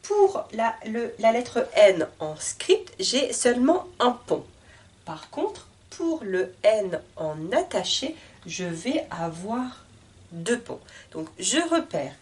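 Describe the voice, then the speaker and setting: Slow, careful woman reading teacher. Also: a little high, big pitch swings, darkish tone. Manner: articulates syllables slowly and carefully, drilling them one by one; talks over a board, guiding learners. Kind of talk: slow, deliberate reading lesson.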